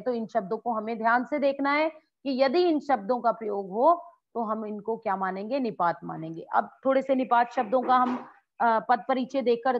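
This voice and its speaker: A woman's voice: a little high, highs cut off. A woman teaching a grammar lesson to a class as a school teacher, asking and answering her own questions and acting out example exclamations. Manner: acts out example exclamations with lively swings in tone.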